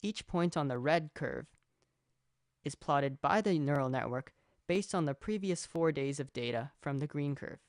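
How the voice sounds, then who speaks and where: A young man from Canada giving a steady, scripted narration that explains code as a student presenter. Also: a little high, normal speed, no room sound, clean studio sound. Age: young adult.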